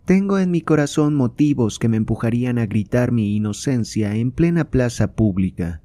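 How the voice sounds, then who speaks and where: A man's voice: mid-range voice, animated, moderate pace, mellow, no echo, pitched above the performer's own voice, close to an everyday voice. A man reading aloud, voicing a proud and indignant queen with a raised, fervent, declamatory delivery.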